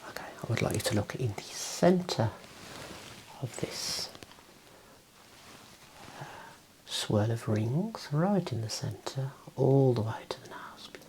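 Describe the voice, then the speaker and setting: A man in his thirties, an ASMR host, plays an eye examiner giving instructions, whispering softly and breathily close to the mic in a small room. His voice is mid-range, calm and gentle; he goes slowly and pauses often, and the recording is low quality.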